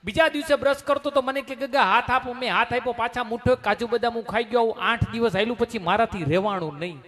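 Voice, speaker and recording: A man delivers a folksy comic anecdote. His voice sits high, and he speaks rapidly. He acts out each exchange in his own voice as he goes. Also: a bit bright. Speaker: stand-up comedian. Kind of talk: comic storytelling.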